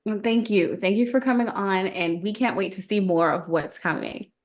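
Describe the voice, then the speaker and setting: A woman's voice: mid-range voice, moderate pace. Female interviewer, courteous, mid-range voice. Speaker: podcast co-host. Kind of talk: interview questions.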